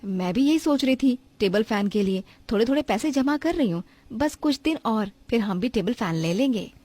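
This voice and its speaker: Woman playing a kind mother, gentle, reassuring, fairly high, dry. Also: animated, moderate pace, no room sound. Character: kind, patient poor vegetable-selling mother.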